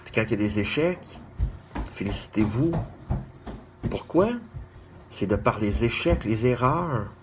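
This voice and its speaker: A man's voice: on the low side, expressive, background noise. Earnest man urging self-confidence. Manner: earnest, repetitive exhortations with measured pauses; greets viewers by name. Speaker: motivational speaker. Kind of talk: motivational monologue to viewers.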